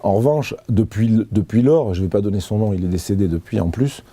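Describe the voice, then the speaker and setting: A man's voice: lowish voice, fairly quick, dark tone, slightly rough, dry recording. A man being interviewed, giving an earnest personal account with many hesitations and restarts. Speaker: interview guest.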